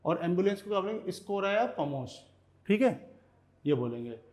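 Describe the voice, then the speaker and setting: A man teaching Russian vocabulary in Hindi, repeating each word slowly and checking in with "okay" as he goes. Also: high-pitched, sing-song, darkish tone. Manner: repeats words slowly, often says "ठीक है". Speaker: language teacher.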